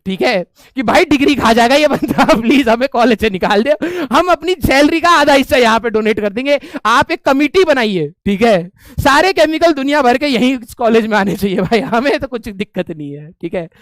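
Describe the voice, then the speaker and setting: A young man with a strikingly high voice tells a story to his viewers in a casual, animated way. He keeps dropping "ठीक है" between lines. The sound is dry and close, with no room echo. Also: moderate pace, hardly any pauses. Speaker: streamer telling a story.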